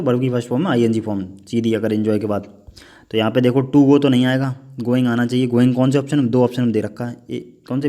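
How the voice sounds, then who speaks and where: A man's voice: medium pitch, mellow. Man quizzing students through an exam paper. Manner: quizzing the viewer with repeated questions, calls them "my brother"; mixes Hindi explanation with read-out English. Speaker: exam coaching teacher. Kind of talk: exam paper walkthrough lesson.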